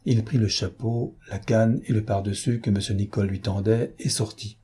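A man narrating an audiobook in a measured, plain storytelling manner. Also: fairly low pitch, steady tone, dark tone, slightly rough.

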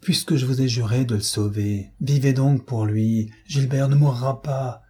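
A man voicing a gentleman thief speaking with fervent urgency. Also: mid-range voice, steady tone, a little slow, slightly rough. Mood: ardent. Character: ardent gentleman thief, man, fiercely protective.

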